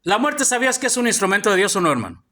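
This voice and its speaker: Delivering a sermon in a church hall, this pastor keeps addressing the congregation as "hermano." He talks very fast with a high-pitched, pushed, bright voice and great animation.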